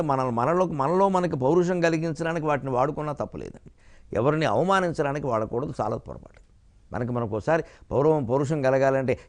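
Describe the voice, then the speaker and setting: An older man giving a spiritual discourse. He tells stories, quotes other people in voices of their own, chants verses slowly and chuckles now and then. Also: on the high side. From Godavari region, Andhra Pradesh. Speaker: spiritual lecturer. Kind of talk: Telugu discourse lecture.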